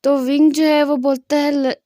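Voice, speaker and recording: Woman storyteller, chatty, filler-heavy, high pitch, dry close sound. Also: fairly even intonation, moderate pace, clear, resonant tone, no echo. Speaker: fan fiction storyteller. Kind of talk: casual story retelling.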